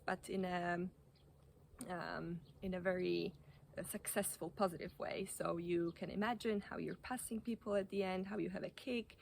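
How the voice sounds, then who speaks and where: Hesitant woman with creaky, low-pitched voice. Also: a little hiss or hum. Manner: hesitant, halting delivery with repeated self-corrections. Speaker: running coach or athlete giving tips. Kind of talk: informal advice talk to camera.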